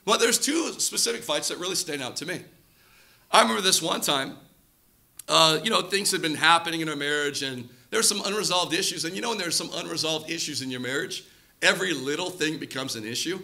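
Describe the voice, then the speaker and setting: A man in his thirties preaching a sermon through personal stories, animated and acting out quoted voices. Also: fairly high pitch, a little fast, creaky. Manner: animated, acts out quoted voices, shouts for effect. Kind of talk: storytelling sermon.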